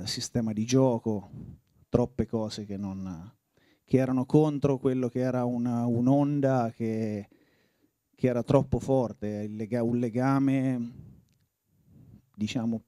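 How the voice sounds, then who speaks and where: A man in his forties from Italy, a former footballer reminiscing in an interview, reflective and halting, often restarting his phrases. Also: mid-range voice, mellow, no echo, clean studio sound.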